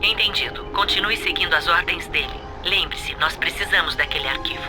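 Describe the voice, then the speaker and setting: A man's voice: a little high, fairly quick, music in the background. An actor voicing a curt male handler who gives terse, businesslike orders over a radio in a dubbed video game. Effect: voice heard over a radio.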